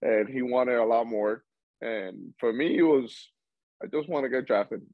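A man's voice: medium pitch, measured pace, dry recording, phone-quality sound. A young man from Cuba, a baseball player chatting as an interview guest, rambling with restarts. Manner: rambling with frequent restarts and laughs. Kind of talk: casual interview chat.

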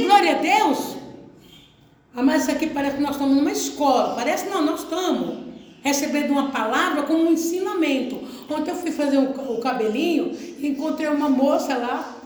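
A woman's voice: high voice, expressive, fairly quick. A woman pastor from Brazil preaching a sermon emphatically, repeating phrases and calling out to the congregation for an amen. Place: church service. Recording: very echoey church hall.

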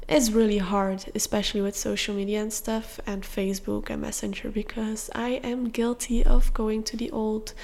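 A young woman hosting a podcast and telling a personal story in a candid, confessional way, with soft fillers. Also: medium pitch, creaky. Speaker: podcast host.

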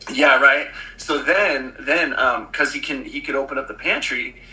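A man in his thirties chats casually as a podcast co-host. His voice is very bright and has a middle pitch. He rambles through a story with plenty of fillers and restarts. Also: normal speed, low-quality recording. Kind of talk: casual chat.

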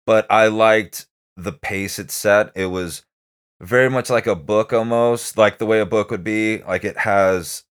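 A man with a very deep, smooth voice, chatting loosely about a film he enjoyed. He talks in a halting, meandering way, circling back and filling gaps with "um" and "like". The delivery is relaxed podcast conversation. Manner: rambling, halting, many fillers. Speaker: podcast movie reviewer. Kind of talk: casual chat.

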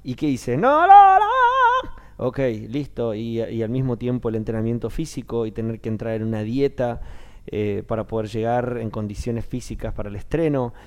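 A stage actor in his thirties with a Rioplatense Spanish accent talks casually in an interview, his mid-range voice brisk and clean. He tells stories with animation, acting out the voices of the people he quotes.

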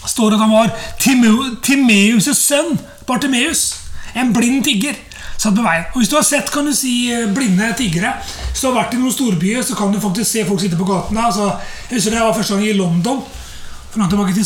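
Woman preaching, high-ish voice, super chatty with lots of fillers, echoey room. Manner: chatty, full of fillers and rhetorical asides. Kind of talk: conversational sermon.

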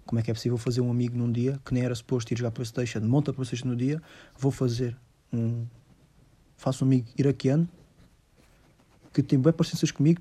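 A man's voice: medium pitch, mellow. A young man with a Lisbon Portuguese accent tells a rambling story to his audience in casual slang, dropping in English words. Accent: European Portuguese, Lisbon. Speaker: vlogger telling a personal story.

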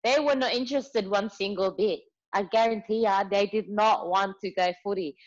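A woman's voice: mid-range voice, normal speed. A young woman, a mother, telling chatty stories with plenty of fillers in casual conversation. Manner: chatty storyteller, many fillers. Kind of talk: casual chat. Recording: slightly muffled lo-fi audio.

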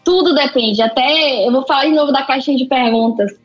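A talkative woman with a Brazilian Portuguese accent chats as a podcast guest, her voice high and animated. The recording is dull and lo-fi. Faint music plays underneath. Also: fairly quick. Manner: chatty, animated, many fillers. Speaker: photographer guest. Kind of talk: casual podcast chat.

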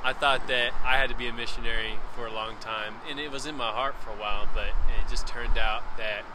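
A man's voice: mid-range voice, fairly even intonation, fairly quick. A man, a podcast guest raised there, talking in a reflective, easygoing way. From Brazil-born, raised in East Texas. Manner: reflective, easygoing, says "you know" a lot. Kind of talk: casual chat. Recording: outdoor recording with vehicle noise.

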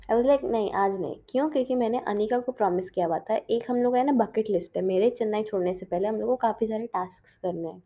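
A teenage girl with a mellow, mid-range voice chats casually in a diary-style vlog. She mixes in English and often corrects herself partway through a sentence.

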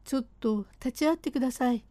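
A woman reader puts on a jumpy Edo-period manservant. He talks in rough, old-fashioned working-class speech, pitched up high and sounding mellow. The sound is dry and close. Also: fairly quick, no room sound, lightly acted. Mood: urgent. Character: timid, excitable Edo-era manservant, adult man.

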